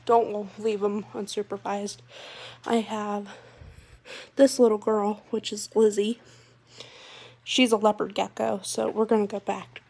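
A woman's voice: medium pitch, little pitch movement, unhurried, gravelly, pauses often, a little mellow, husky. A young woman chatting casually in a pet vlog from her messy bedroom, a bit out of breath and unwell, rambling with lots of fillers. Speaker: vlogger.

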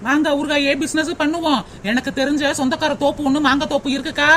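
Quick high young girl, coaxing and eager. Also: flat delivery, fairly bright tone, a little hiss or hum. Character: eager young village woman, scheming. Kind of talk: cartoon voice acting.

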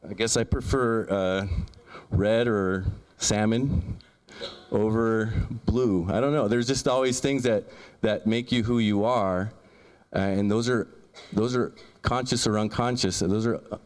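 A man's voice: lowish voice, unhurried. A man in his thirties giving an earnest keynote talk with a handheld mic in a large lecture room, often restarting and repeating words as he lists ideas. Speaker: keynote speaker. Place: large lecture room, in front of a projection screen. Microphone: handheld microphone.

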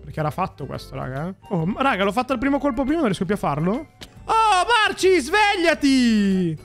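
A man doing casual gameplay commentary for viewers, excitable and often shouting when a shot works. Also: sits high. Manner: excitable, shouts and cheers at successes; addresses viewers as raga and ragazzi. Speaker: gaming YouTuber.

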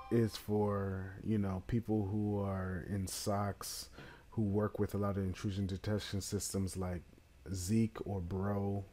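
A young man talking casually to camera, giving his review of a certification exam, relaxed and chatty with many fillers. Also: low-pitched.

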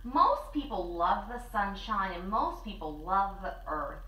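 Co-hosting a story time, a woman reads a picture book aloud for children, expressive and deliberate, stretching out her words at a medium pitch. She's in a small living room with a fireplace and bookshelves, picked up by a roomy, slightly distant camera mic.

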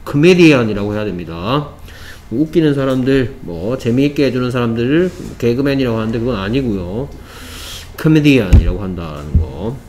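A man's voice: mid-range voice, expressive, moderate pace, a little mellow. Male English teacher, patient and repetitive, vocabulary lesson, faint room noise. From South Korea. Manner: explains step by step, repeats words, says "okay" often.

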